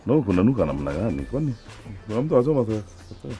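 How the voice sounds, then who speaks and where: An actor playing a loud, fussy comic man in a TV comedy, speaking with a Meru accent, over music. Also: fairly low pitch, sing-song, fast. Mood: fussing. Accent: Meru-accented Swahili. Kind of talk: TV comedy acting. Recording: TV clip with music behind.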